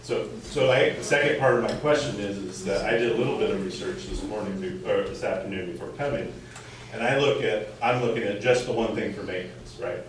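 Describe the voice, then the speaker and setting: At a community meeting, an American man with a lowish voice stands to question the school board in impromptu public comment. He halts and repeats words while pushing his skeptical point, recorded from afar in an echoey indoor room with faint noise.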